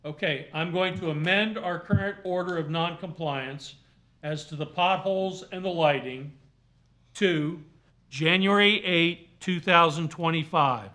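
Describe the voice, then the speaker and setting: A man speaking as a magistrate at a formal hearing, questioning and ruling in deliberate, halting, formal phrases. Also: on the high side, sharp tone. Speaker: magistrate presiding over a hearing.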